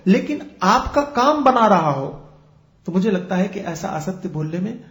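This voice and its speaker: High-voiced man giving a spiritual discourse. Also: very animated, moderate pace, a bit bright, roomy sound. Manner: explains with everyday examples and rhetorical questions. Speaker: spiritual teacher.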